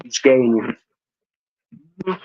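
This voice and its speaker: A man's voice: mid-range voice, expressive, slow, darkish tone, dry recording. A man talking as a guest over a muffled online call whose audio keeps cutting out, rambling and restarting his sentences. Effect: choppy call audio with words cutting out. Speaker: podcast guest. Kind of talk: casual chat. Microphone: earpiece on an online call.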